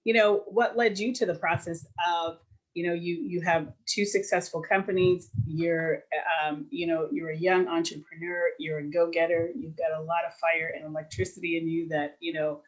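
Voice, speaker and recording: A woman's voice: fairly low pitch, steady tone, moderate pace, poor audio. A woman hosting an interview, who encourages her guest and sums up his story in a casual way. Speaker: host.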